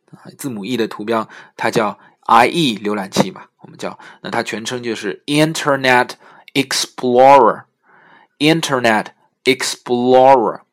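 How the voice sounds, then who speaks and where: A man hosting a casual spoken English lesson. He talks in a relaxed way with many fillers and slows down to spell out English words. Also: fairly low pitch. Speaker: podcast host teaching English words.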